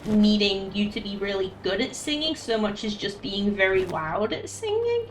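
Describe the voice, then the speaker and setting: A woman's voice: mid-range voice, big pitch swings, moderate pace. A woman streaming a video game, chatting casually and thinking aloud as she plays. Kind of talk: casual chat while gaming. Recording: echoey room, distant from the mic. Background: game music.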